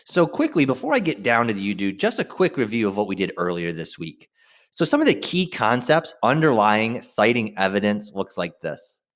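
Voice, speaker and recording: A man gives students a screen-share lesson at a moderate pace, with very animated pitch movement whenever he stresses key phrases. Casual but directive, he keeps checking in with his class.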